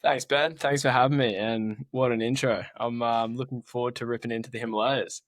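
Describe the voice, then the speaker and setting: A young Australian man, a mountaineer, appears as a guest in a casual interview and talks about his life, earnest yet laid-back. His voice is mid-range with an Australian accent, the tone steady and the pace fairly quick. The recording has no room sound.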